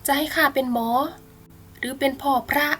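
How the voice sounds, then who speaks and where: A greedy rich old man, put on by a woman narrator, sneering and slow with each word. The voice sits fairly high and sounds bright and sharp. The storybook villain talks like he owns everyone around him. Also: fairly even intonation, faint music behind. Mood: mocking. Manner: mocking, slow and smug.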